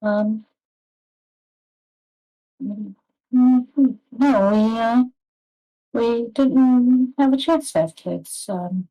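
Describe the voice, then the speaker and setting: A woman playing a bereaved horned woman in a tabletop game, speaking in a halting, hesitant way. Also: a little high, highs cut off. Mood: sad.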